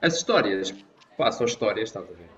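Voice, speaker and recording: A man's voice: on the low side, very animated, fast talker, fairly bright tone, recorded from a distance. Off-mic Portuguese man, reflective. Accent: European Portuguese. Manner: reflective, explaining. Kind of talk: casual chat. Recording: dull sound from off-mic.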